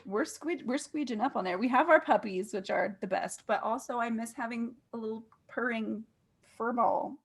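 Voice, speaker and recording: A woman's voice: on the high side, moderate pace, gravelly, slightly rough. A woman in her thirties hosting a casual interview, chatty and laughing, with many "like"s. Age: 30s. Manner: chatty, laughing, uses "like" often. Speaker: interview host.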